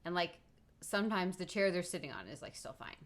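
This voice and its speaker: A woman's voice: lowish voice, very animated, brisk. A woman co-hosting a podcast, chatting casually and filling her talk with "like". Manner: chatty, many fillers like "like". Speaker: podcast co-host. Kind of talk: casual conversation.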